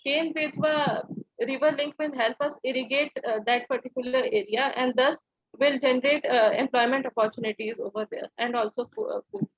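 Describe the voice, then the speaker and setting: A young woman with an Indian accent gives formal, halting, deferential answers as a candidate in a mock interview. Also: high voice, steady tone, no room sound. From Dehradun, India. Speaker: civil service interview candidate. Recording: dull, lo-fi dry audio.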